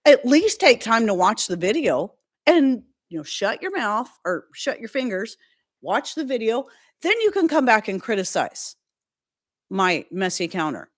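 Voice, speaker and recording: A woman's voice: on the high side, big pitch swings, a little slow. A woman with a Southern US accent, hosting a live stream in a casual, sassy and emphatic way. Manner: sassy and emphatic, laughs often.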